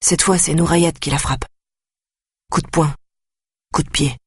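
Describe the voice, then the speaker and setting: A man reads a first-person audiobook in a grave, quietly intense manner. His voice is husky and breathy, and the recording is dry and close. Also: on the high side, fairly even intonation, a little slow, no room sound. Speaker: audiobook narrator.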